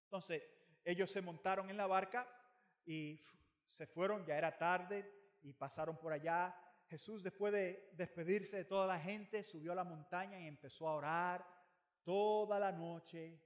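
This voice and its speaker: A man preaching a sermon, retelling a Bible story dramatically, swinging from loud emphasis to hushed lines and repeating phrases for weight. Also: high-pitched, fairly even intonation, unhurried, muffled recording.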